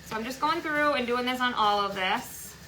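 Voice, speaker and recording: A woman's voice: on the high side, moderate pace, noisy background. A woman chatting casually at home while she works on a craft project, teasing her husband and laughing along. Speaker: craft livestream host. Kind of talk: casual craft livestream chat. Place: home workroom.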